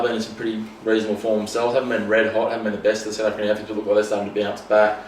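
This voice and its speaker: A man hosting a casual sports chat, laid-back and fond of saying mate. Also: on the low side. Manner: quick, laid-back, says mate a lot. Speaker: sports podcast host. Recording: roomy, distant mic, faint noise.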